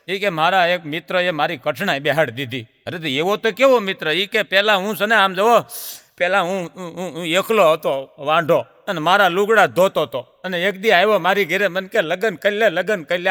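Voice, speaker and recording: Gujarati man, comedy storyteller, high bright voice, smooth, long hall reverb. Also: moderate pace. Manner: lively folk storyteller, addresses audience as sir. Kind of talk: stand-up folk comedy storytelling.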